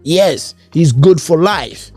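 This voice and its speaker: A man's voice: a little high, expressive, slow pace, a little mellow, breathy edge, soft background music. A man hosting a podcast, reacting to an interview in an emphatic, repetitive, casual way. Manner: emphatic, repetitive, keeps saying bro. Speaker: podcast host.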